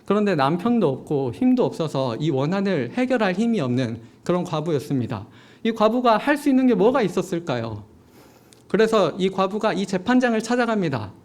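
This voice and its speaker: High-voiced man preaching a sermon. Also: very animated, brisk, darkish tone. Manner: storytelling preacher, addresses the congregation directly; asks the congregation rhetorical questions. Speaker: junior pastor. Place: church sanctuary at a midweek evening service.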